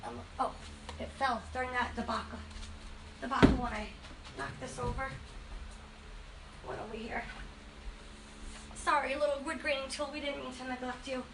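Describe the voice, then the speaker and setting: A woman's voice: high-pitched, fairly even intonation, normal speed, vocal fry, pauses often. A woman hosting a casual live furniture-finishing tutorial, chatty and upbeat, talking straight to her viewers. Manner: chatty and upbeat, talks to viewers as "you guys". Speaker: host demonstrating furniture finishing. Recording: noisy live-stream recording.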